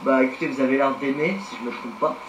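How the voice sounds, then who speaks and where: A young man chatting casually on a vlog, joking and commenting on gameplay with quick asides. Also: medium pitch, a bit bright, far from the mic, muffled recording, a little hiss or hum. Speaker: youtuber. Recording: echoey room with music behind.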